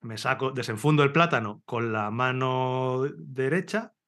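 A man from Spain, a podcast host, telling a comic story in casual chat, animated and laughing, swearing freely. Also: mid-range voice, unhurried. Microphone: video call.

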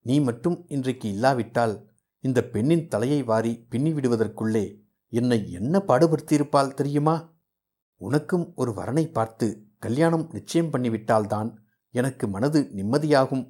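A man's voice: mid-range voice, expressive, moderate pace, dark tone, slightly rough. A man voicing a fussing, nagging middle-aged mother in a read-aloud novel. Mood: fretting. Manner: nagging, scolding.

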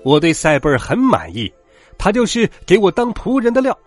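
A man voicing a pompous, quick-tempered old male magician in a children's storybook reading, bossy and easily offended. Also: high voice, huge pitch swings, faint music behind, pitched above the performer's own voice, exaggerated voice. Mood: delighted.

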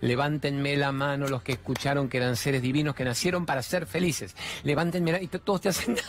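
A man's voice: mid-range voice, steady tone, brisk, a little hiss or hum. A middle-aged man with a Rioplatense Spanish accent gives a spiritual self-help talk. He speaks emphatically, asks rhetorical questions and uses colloquial slang.

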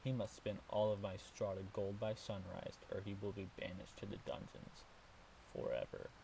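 A man's voice: on the low side, little pitch movement, moderate pace, gravelly, mellow, recorded from a distance, a little hiss or hum, low-quality recording. A man voicing a greedy, ruthless queen who barks short commands, in a storybook reading. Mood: imperious. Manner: commanding, barking short orders.

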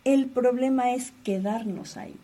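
Husky woman asking guiding questions. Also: on the high side, measured pace, warm tone. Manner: teacherly, asks guiding questions. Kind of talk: reflective conversation on emotions.

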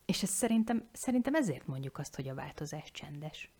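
Woman, forties, low voice, frank, animated, casual swearing, podcast talk. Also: breathy edge. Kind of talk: candid podcast conversation.

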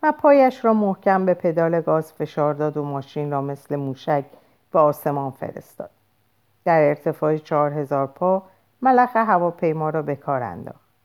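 A woman narrating a novel aloud in a measured, expressive storytelling voice. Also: low-pitched. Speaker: audiobook narrator. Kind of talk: scripted narration.

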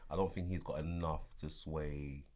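Very deep-voiced man chatting casually. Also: steady tone, normal speed, a little mellow. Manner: opinionated, chatty, restarts and fillers. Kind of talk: casual chat.

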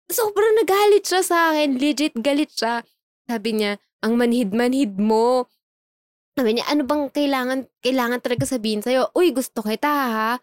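A young woman telling a story in casual chat, animated, laughing often and acting out the dialogue she quotes. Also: fairly high pitch, no echo, studio quality.

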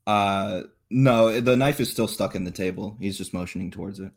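A man with a fairly low voice runs a tabletop game. He improvises his narration and explains things haltingly as game master.

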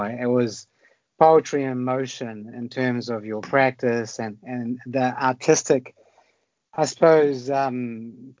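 A man's voice: mid-range voice, no echo. A man hosting an interview over a call, talking in an upbeat, casual way and stumbling over repeated words. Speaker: podcast host. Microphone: remote call. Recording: dry, dull call audio.

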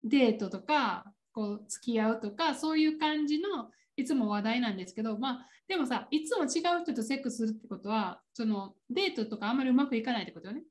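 A woman's voice: on the high side, lively intonation, fast, hardly any pauses. A woman with a Kansai Japanese accent chatting casually on a podcast, laughing often as she explains. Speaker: podcast co-host. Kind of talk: casual chat.

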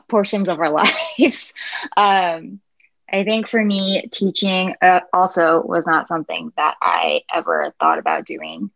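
Gravelly low-voiced young woman, hesitant. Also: no echo, lo-fi sound. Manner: hesitant, many fillers, soft laughs. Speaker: teacher. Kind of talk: casual interview chat.

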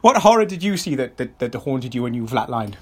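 A man co-hosting a comedy podcast, halting and stammering through his sentences with lots of fillers and laughter. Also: mid-range voice, very animated. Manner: halting, stammering, many repeated words and fillers; breaks into laughter often. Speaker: podcast co-host.

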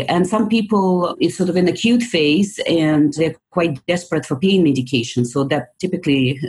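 A woman's voice: low-pitched, a little mellow, breathy edge, poor audio. A woman, answering interview questions thoughtfully with small grammar slips. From Ukraine. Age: 50s. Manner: thoughtful, a bit hesitant, non-native grammar slips. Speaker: guest physician.

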